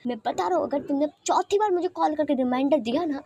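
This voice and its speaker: A woman's voice: high-pitched, normal speed, darkish tone, slight background noise, close to an everyday voice. A woman voicing a moody, sensitive young man who bickers and breaks into sobs in a storybook romance. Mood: mock angry. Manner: bickering, sobbing when hurt.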